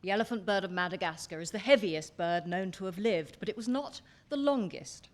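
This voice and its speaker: A woman reading passages from a book aloud in steady, clear narration. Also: medium pitch, a little fast. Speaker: co-reader of the book's passages. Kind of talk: scripted narration.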